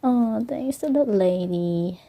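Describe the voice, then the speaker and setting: Slow, gravelly-voiced woman gushing over little things. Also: on the high side. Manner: excited, gushing, often drops to whispers. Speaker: vlogger. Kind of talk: casual unboxing vlog. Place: home, bedroom at night.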